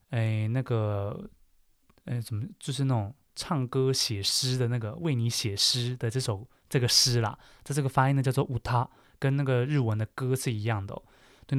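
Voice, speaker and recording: A man talks casually, working things out aloud and restarting his sentences. His voice sits at a middle pitch. The recording is dry and close, with no room sound. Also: dry recording. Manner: chatty, thinks aloud with many fillers and restarts. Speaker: host. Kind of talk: casual solo chat explaining Japanese names.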